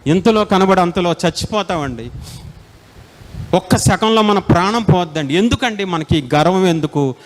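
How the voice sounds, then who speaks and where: A man preaching a sermon as a pastor, passionate and dramatic, swinging from soft pleading to loud outbursts. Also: sits high, lively intonation, moderate pace. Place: large indoor meeting hall. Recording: long hall reverb.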